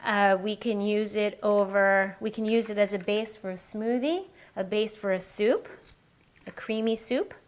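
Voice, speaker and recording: A woman with a medium-pitched, unhurried voice hosts a casual cooking show, chatting as she works through a recipe demonstration and explaining every step along the way.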